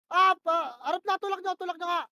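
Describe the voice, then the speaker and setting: Very high-pitched woman calling game plays. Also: fairly even intonation, fast talker, pushed and bright, dry recording. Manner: barks short repeated commands, swears when frustrated. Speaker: team shotcaller in a tactical shooter match. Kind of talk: rapid in-game voice comms.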